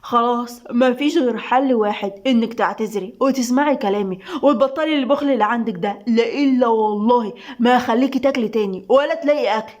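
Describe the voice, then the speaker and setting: A woman's voice: fairly high pitch, quick pace, hardly any pauses, a little mellow, lo-fi sound, lightly acted. A woman with an Egyptian Arabic accent, voicing a sly, bossy young man in a storybook reading.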